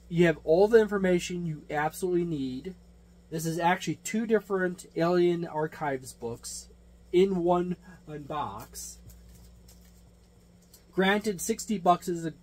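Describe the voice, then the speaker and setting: Speaking a little high and a little mellow, a man who reviews tabletop games and runs them as game master gives an off-the-cuff explanation of his hobby. He wanders, fixes his own words, and delivers things emphatically. A hum and other background noise are clearly audible.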